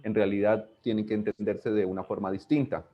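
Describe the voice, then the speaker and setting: Un hombre que interpreta y modera una sesión de estudio por videollamada, explicando con calma y pausas. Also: male voice, on the low side. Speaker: interpreter and moderator of a study session. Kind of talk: interpreting a lecture, explanatory. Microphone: video call. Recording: dull lo-fi online call audio.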